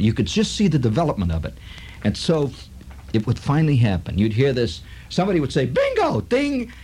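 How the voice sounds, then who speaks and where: A radio host from Chicago spins a rambling childhood yarn, wry and full of asides. His voice is husky and rough-edged, and his delivery swoops up and down in lively pitch. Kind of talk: storytelling monologue.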